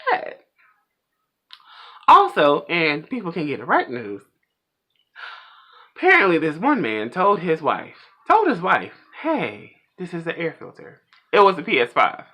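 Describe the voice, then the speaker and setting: A man rants about pop culture news on his own vlog, chatty and opinionated. His voice is bright and sharp, and it swings widely up and down as he gets animated. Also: a little high, unhurried, pauses often. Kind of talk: casual pop culture rant.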